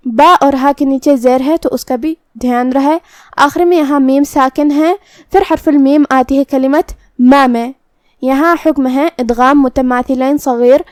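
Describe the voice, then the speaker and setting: A woman's voice: sits high, fairly even intonation, no room sound, clean studio sound. A woman teaching a recitation lesson, explaining pronunciation rules step by step in a patient, instructional way. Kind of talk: tajweed lesson with slow chanted recitation.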